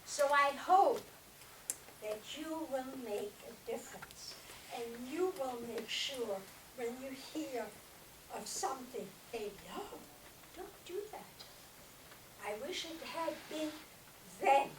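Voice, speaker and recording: Elderly German-born woman addressing students, slow and earnest, high voice, taped from across the room. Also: expressive. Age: older. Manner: earnest, direct, urges listeners. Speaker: Holocaust survivor speaking to students. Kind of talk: talk to a school class. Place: school classroom or hall. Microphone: no mic, recorded from across the room. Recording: roomy, distant, faint hiss.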